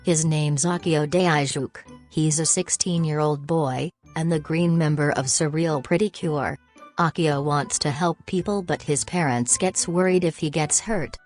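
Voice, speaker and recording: Low-voiced woman narrating casually. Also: measured pace, a little mellow, soft background music. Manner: offhand and self-deprecating. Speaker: fan video creator.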